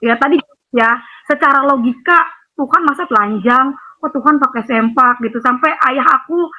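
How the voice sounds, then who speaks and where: A woman giving an emotional personal testimony over a phone call, rambling and animated with many fillers. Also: high voice, normal speed. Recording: tinny phone line with faint noise.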